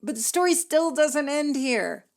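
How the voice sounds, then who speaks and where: A woman's voice: sits high, expressive, unhurried. A middle-aged woman hosting a podcast, telling a personal story in a conversational way, with lots of "like" and "you know". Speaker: podcast host.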